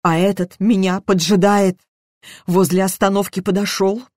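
A woman's voice: medium pitch, level tone, normal speed, a little mellow, dry recording, clean studio sound, lightly acted. A woman voicing a frightened, tearful older housekeeper who talks in plain folk sayings and sighs a lot. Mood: anxious, chatty.

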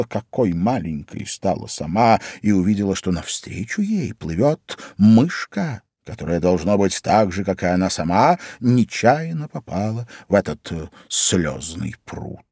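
A man narrating a storybook in an animated, expressive reading. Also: lowish voice, no room sound, clean studio sound.

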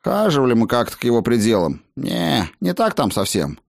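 A man voicing a gruff, bustling male dwarf tinkerer who talks in brisk, bossy bursts. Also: mid-range voice, huge pitch swings, no room sound, clean studio sound.

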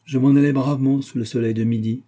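A man reading a classic novel aloud as narrator, expressive and giving characters their own voices. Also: mid-range voice, fast talker. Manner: expressive, reads dialogue with voices. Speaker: audiobook reader.

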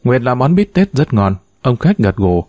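A man narrating a story in a steady, even reading voice. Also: mid-range voice, moderate pace, no echo, clean studio sound. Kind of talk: scripted narration.

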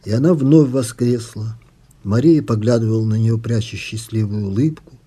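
A man, the author, reading a passage from his own novel in a soft, measured way, after answering interview questions. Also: lowish voice, fairly even intonation, slightly rough.

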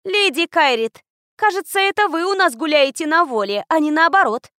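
A woman reading aloud, voicing a small, sharp-tongued young woman who mocks with quick comebacks. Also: very high-pitched, big pitch swings, no room sound, clean studio sound, voice pushed up, heavily acted. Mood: teasing.

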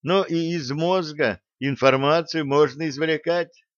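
A man's voice: on the high side, steady tone, measured pace, dry recording, voice pushed up, close to an everyday voice. A man voicing a timid, fussy male scientist. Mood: eager. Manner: hesitant, nervous, apologetic. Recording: dull lo-fi dry recording.

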